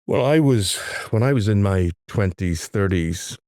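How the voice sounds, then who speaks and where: A middle-aged man, co-hosting a casual podcast in an easygoing, halting way. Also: on the low side, lively intonation, warm tone, no echo, studio quality. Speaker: podcast co-host. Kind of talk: casual chat.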